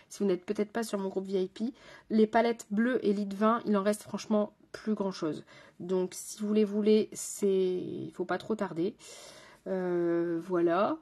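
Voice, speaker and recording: A woman's voice: mid-range voice, fairly even intonation, moderate pace, darkish tone. A woman with a French accent, a makeup artist chatting with viewers while doing her makeup on a live stream. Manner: chatty, talks straight to viewers and chat.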